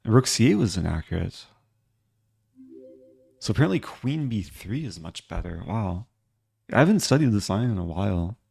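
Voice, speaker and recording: A man giving casual live commentary as a chess streamer, low-key and thinking aloud in short fragments. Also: very animated, moderate pace, creaky, long pauses, darkish tone, breathy edge.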